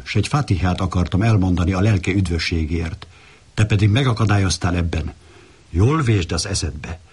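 A man voicing a bossy, blustering male donkey in a read-aloud fable, with a husky voice and a scolding manner. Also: sits low, a little mellow, heavily acted. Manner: scolding, boastful.

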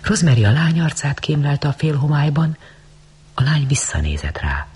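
A man reads a story aloud with expressive, dramatic storytelling. His voice is breathy and husky, and his pitch moves in a lively, animated way. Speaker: narrator. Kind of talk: audiobook story reading.

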